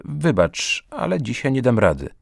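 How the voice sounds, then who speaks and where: A man voicing an earnest, good-humoured teenage student with a gentle way of talking. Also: medium pitch, very animated, normal speed, vocal fry, no room sound, studio quality, voice pushed up. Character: earnest, cheerful teenage student, theatre-minded.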